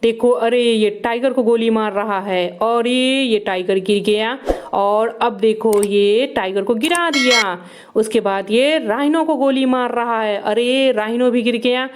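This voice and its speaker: Woman narrating toys for kids, high pitched, super excited, keeps cheering them on. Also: measured pace, slight background noise. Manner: animated, exclaiming, cheering toys on. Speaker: toy video narrator.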